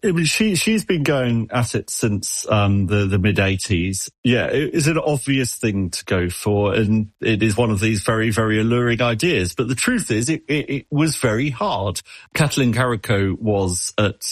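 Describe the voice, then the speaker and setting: A man's voice: on the low side, lively intonation, moderate pace, husky, no echo. A man answering an interviewer as an expert, explaining with analogies and often stumbling over repeated words. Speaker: expert guest.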